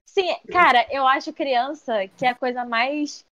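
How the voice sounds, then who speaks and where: A woman's voice: sits high, unhurried, no room sound, muffled recording. A young woman, a social media creator, chatting casually as an interview guest and telling stories animatedly, acting out the voices of people she quotes. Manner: animated storyteller who acts out quoted voices and says "tipo" often.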